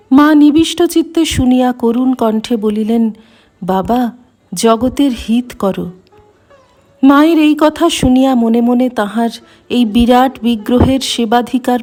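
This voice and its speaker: Woman reading reverently over soft music. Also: on the high side. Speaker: reader of devotional texts. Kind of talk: scripted devotional reading. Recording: faint music behind the voice.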